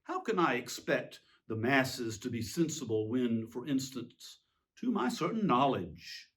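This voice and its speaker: A man's voice: mid-range voice, big pitch swings. Man acting a pompous, wildly swooping tyrant King Herod. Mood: exasperated, scornful. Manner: pompous, indignant, declamatory with emphatic pauses. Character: King Herod, petulant, self-justifying male tyrant in exasperation. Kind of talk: theatrical dramatic monologue reading.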